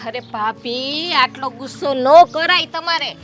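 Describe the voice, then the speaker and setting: A chatty young daughter-in-law from the city, played by a woman, pleads and defends herself in a high voice. Music plays clearly behind her throughout this family drama. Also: unhurried, pushed and bright. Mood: pleading.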